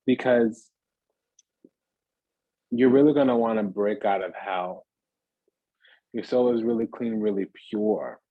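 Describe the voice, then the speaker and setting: A man's voice: lowish voice, slow, pauses often, dry recording, narrow, tinny audio. A man giving a casual, rambling tarot reading to viewers, piling up phrases in lists and checking in with "does that make sense?". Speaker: tarot reader.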